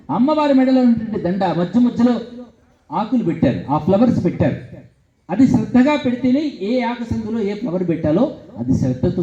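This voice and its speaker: A man's voice: high-pitched, dull audio. A man giving a motivational speech to students in a school hall, telling stories with lots of repetition. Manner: animated storytelling, repeats phrases. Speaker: motivational speaker.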